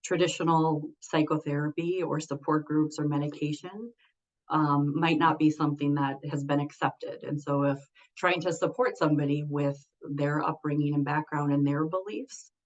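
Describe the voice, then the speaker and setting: A woman's voice: low voice, fairly even intonation, normal speed. Earnest woman clinician, muffled recording. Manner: thoughtful, earnest, reflective. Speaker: mental health clinician. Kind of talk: panel discussion answer.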